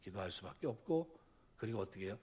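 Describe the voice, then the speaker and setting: A man's voice: lowish voice, animated, fast, darkish tone, slightly rough. A middle-aged male pastor preaching a sermon, often asking the congregation rhetorical questions. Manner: rhetorical questions to the congregation, acts out quoted voices.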